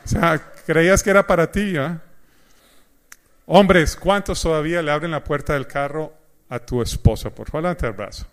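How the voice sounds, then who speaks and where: A male pastor preaching to a congregation, telling personal stories with lively asides and questions to the audience. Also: on the high side, normal speed. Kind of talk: sermon.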